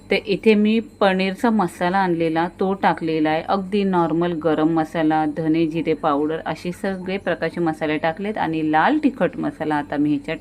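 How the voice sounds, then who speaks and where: A woman's voice: fairly low pitch, slight background noise. A middle-aged woman, narrating a home cooking demonstration in a homely, chatty way that talks straight to viewers. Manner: homely, chatty, addresses viewers directly with frequent "ना". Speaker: home cooking channel host. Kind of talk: casual cooking demonstration voice-over.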